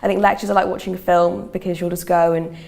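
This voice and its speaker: A young woman with a low, gravelly voice talks quickly in an interview. She is chatty, with a laugh in her voice. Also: little pitch movement, darkish tone. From Solihull, England. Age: young adult. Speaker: university student. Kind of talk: casual interview testimony.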